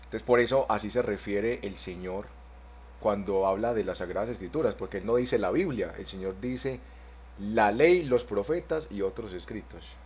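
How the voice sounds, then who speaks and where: Low-voiced man teaching a Bible class. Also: a little mellow, breathy edge. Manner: spells words out slowly, asks "¿cierto?". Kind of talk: online class lecture.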